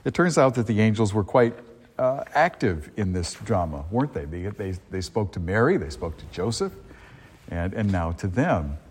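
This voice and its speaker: A man with a fairly low, husky voice preaches and reads as a priest. His phrasing is conversational and a little halting, circling back on his words. The sound rings with the long echo of a cathedral-like space. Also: big pitch swings, darkish tone. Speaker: priest preaching at a Christmas service. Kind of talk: liturgical reading and homily. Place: large reverberant church.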